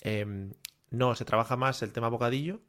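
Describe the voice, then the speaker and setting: A man in a casual chat, relaxed and joking, who often trails off. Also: mid-range voice, moderate pace.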